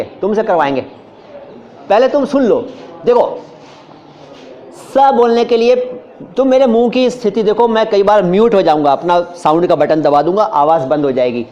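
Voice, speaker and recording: A man teaching Hindi and Urdu pronunciation in a lively lecture, drawing out syllables slowly and joking with his students. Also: sits high, muffled recording. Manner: demonstrates sounds slowly, repeats syllables, jokes with students. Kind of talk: lively classroom-style lecture.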